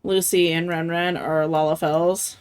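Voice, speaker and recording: A woman's voice: lowish voice, little pitch movement, measured pace, darkish tone, clear, resonant tone, faint music behind. A woman streaming games, chatting casually, laughing often and swearing freely. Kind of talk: casual game-stream chat.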